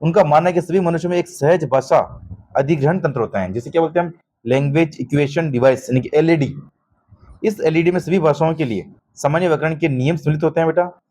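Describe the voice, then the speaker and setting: A man from Rajasthan with a mellow, somewhat higher voice teaches an exam-prep class. Patient and repetitive, he often pauses for quick checking questions and refers to students as "beta."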